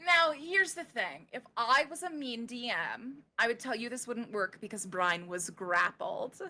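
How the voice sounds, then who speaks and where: A woman running a tabletop game as game master, narrating and explaining rules in a playful, informal, halting way. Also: a little high, expressive, pushed and bright.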